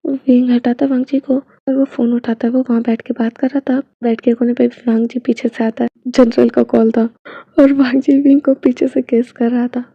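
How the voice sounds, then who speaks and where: A woman reading out a romance story in steady narration. Her voice is high with a gravelly grain. The recording is close and dry with dull, lo-fi sound. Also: moderate pace, dry recording. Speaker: storyteller reading fan fiction.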